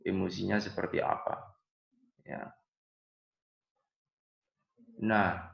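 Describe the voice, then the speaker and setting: A man's voice: lowish voice, vocal fry, fairly bright tone. A man teaching a nursing class, explaining patiently and often tagging phrases with "ya". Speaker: nursing lecturer. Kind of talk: online class lecture. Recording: echoey room, dull lo-fi audio.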